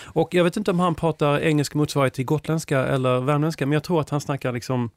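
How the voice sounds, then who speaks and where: A man's voice: on the high side, steady tone, dry recording, studio quality. A man co-hosting a podcast in casual, teasing chat. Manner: joking, teasing. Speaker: podcast host.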